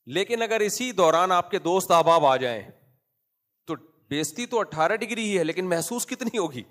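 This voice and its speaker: A man's voice: high voice, animated, a bit bright. A man giving a humorous, conversational sermon as a preacher, telling family anecdotes in a joking tone. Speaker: Islamic preacher.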